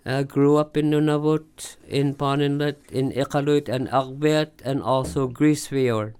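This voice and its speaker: Very clear, monotone man in short phrases. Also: mid-range voice, unhurried.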